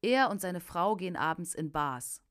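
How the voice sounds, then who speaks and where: A woman's voice: lowish voice, expressive, normal speed, lightly acted. A woman voicing an elderly grandmother who explains things in a matter-of-fact way. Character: plain-spoken elderly grandmother.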